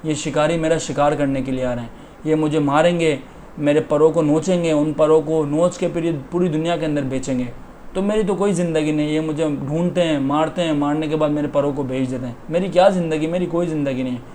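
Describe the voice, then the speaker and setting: A man's voice: on the high side, steady tone, brisk, dark tone, a little hiss or hum, lightly acted. A man voicing a male peacock who speaks earnestly and bitterly about being hunted. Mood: fearful.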